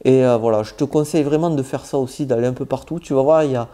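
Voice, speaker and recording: Warm in tone and medium in pitch, his quick delivery is full of hesitations. He's a travel vlogger from southwest France, accent included, chatting informally to the viewer with travel advice.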